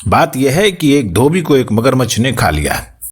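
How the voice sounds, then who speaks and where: A man voicing a talking male donkey who slowly spells things out and often shouts to be understood. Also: medium pitch, big pitch swings, husky. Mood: exasperated.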